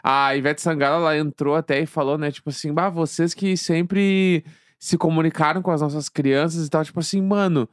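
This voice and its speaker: A man's voice: a little high, steady tone, a little fast, smooth, no echo, clean studio sound. A man with a southern Brazilian accent co-hosting a casual podcast in a loose, slangy way. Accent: southern Brazilian Portuguese. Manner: slangy, full of filler phrases. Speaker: podcast co-host. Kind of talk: casual chat.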